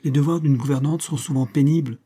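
Male narrator as a reserved older woman, soft and gentle, lowered volume. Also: steady tone, fairly quick, lightly acted. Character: calm reserved older woman, former governess.

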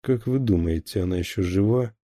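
A man's voice: low-pitched, fairly quick, mellow, no echo, studio quality. A man voicing a hard middle-aged male lieutenant colonel who gives curt questions and orders. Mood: interrogating.

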